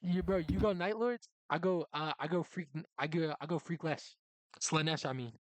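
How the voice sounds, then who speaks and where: A man's voice: fairly high pitch, normal speed, dry recording. A man co-hosting a casual reaction chat, joking in slang. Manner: excitable slang-heavy banter. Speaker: co-host.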